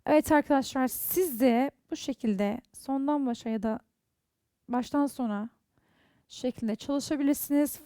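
A woman's voice: high voice, moderate pace, warm tone, dry recording, studio quality. A woman with a Turkish accent teaching an online English lesson, carefully reading out example words one by one.

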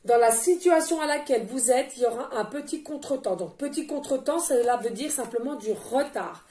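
A woman medium giving a spiritual card reading, gentle and repetitive, often checking in with "d'accord?". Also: sits high, moderate pace. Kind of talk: spoken spiritual guidance reading. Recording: echoey room.

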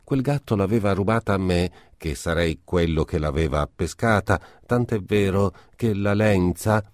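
A man's voice: low voice, animated, normal speed, no echo, studio quality. A man voicing a poor working man who speaks politely and hesitantly but keeps pressing his point. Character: poor working man, timid yet insistent.

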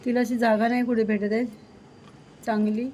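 A woman's voice: on the high side, little pitch movement, normal speed, a little mellow, a little hiss or hum, low-quality recording. A woman fussing over her cat and talking to it, in a casual home vlog at night. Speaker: vlogger caring for a pregnant cat.

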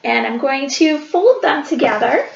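A woman's voice: sits high, lively intonation, unhurried, vocal fry, noisy background. A woman, chatting through each step of a home cooking demonstration in her kitchen, recorded on a webcam across the counter. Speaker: library cooking show host. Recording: echoey kitchen, dull lo-fi webcam sound.

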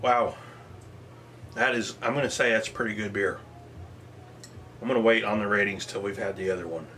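A man's voice: lowish voice, fairly even intonation, normal speed, a bit bright, a little hiss or hum. A man casually reviewing beers on camera, plainspoken and modest as he thinks aloud about the taste. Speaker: beer reviewer. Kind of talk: casual product review vlog.

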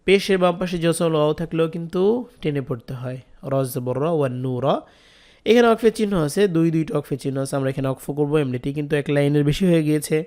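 A man with a Bangladeshi Bengali accent teaching Quran reading, spelling each word letter by letter and chanting the verses slowly. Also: a little high, darkish tone. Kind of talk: slow spelled-out recitation lesson.

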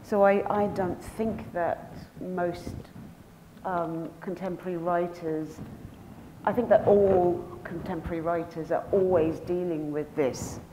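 A woman writer speaking on a festival panel, measured and reflective. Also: on the low side, steady tone, mellow. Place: festival event hall. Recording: roomy hall with audible noise.

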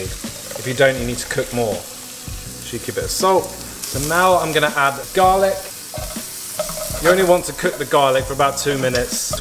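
Jokey man cooking at home. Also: on the high side. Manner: chatty and jokey, playful asides. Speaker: home cook, vlog regular. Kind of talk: casual cooking walkthrough. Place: home kitchen. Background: background music.

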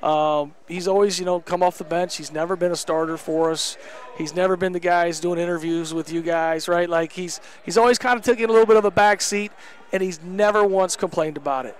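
A high-pitched, steady-toned man speaks briskly in this post-game interview. He's a head basketball coach in his thirties, wearing a headset mic on an indoor gym court, and he talks candidly and emphatically with plenty of fillers.

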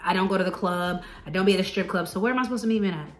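A woman in her thirties tells a personal story in a casual, animated vlog, talking straight to her viewers. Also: lowish voice, very fast, roomy sound, faint music behind. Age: 30s. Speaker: vlogger telling a personal story.

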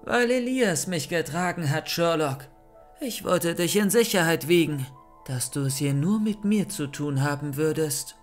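A cold, mocking young woman villain from a horror audiobook, read by a man. She gloats in a fairly high voice over faint music. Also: lively intonation, unhurried. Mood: cold gloating.

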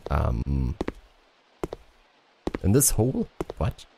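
A man's voice: a bass voice, big pitch swings, extremely slow, creaky, noisy background. A man streaming a puzzle game, muttering to himself and swearing casually as he plays. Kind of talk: casual live-stream commentary.

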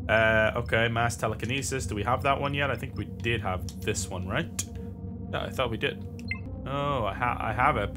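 A man giving casual, chatty commentary while playing a video game, thinking aloud and swearing now and then. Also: medium pitch. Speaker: gameplay commentator. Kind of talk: casual let's-play commentary. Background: game sounds and music.

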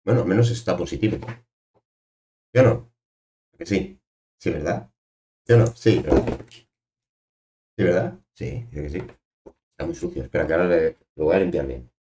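A man's voice: deep voice, moderate pace, pauses often, warm tone. A man, chatting playfully on a live stream as he draws, repeating himself and bossing a toy around. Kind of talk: casual live-stream chat while drawing.

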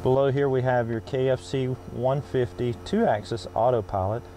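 A man's voice: medium pitch, steady tone, normal speed, warm tone. Middle-aged man presenting, noisy outdoor ambience. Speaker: aircraft salesman presenting a listing. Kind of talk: sales walkaround presentation. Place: outdoors on an airfield tarmac and inside a small plane cabin.

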